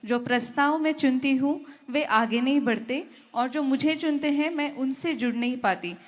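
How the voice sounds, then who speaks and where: A woman's voice: sits high, moderate pace. A woman reading submitted questions aloud to a spiritual teacher in a formal, respectful manner. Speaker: question reader.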